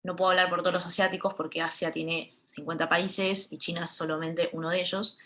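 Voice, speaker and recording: A woman's voice: on the low side, little pitch movement, brisk, bright, forceful tone. Earnest young Rioplatense woman lecturing. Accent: Rioplatense Spanish. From Buenos Aires, Argentina. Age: 20s. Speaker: panel speaker. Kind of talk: lecture talk.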